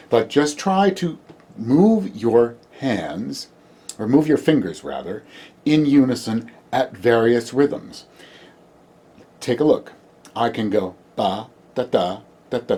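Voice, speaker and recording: A man's voice: medium pitch, dark tone, breathy edge. A man giving a patient, step-by-step video music lesson on the theremin, sounding out rhythms as sung syllables. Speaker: theremin teacher.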